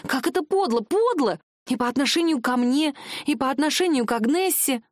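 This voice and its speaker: A woman's voice: high voice, fairly quick, dry recording, clean studio sound, voice pushed up, close to an everyday voice. Woman voicing a distraught, pleading young heroine. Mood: indignant. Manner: pleading, rising, near tears.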